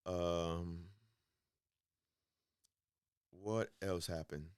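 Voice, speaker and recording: A man with a low, smooth voice hosts a casual podcast on his own. He rambles, swears freely and fills the gaps with ums and bro. The sound is dry and close, with no room around him. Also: fairly even intonation, slow pace, no echo. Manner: profane, rambling, calls listeners bro; loose, hesitant delivery with many ums. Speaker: podcast host.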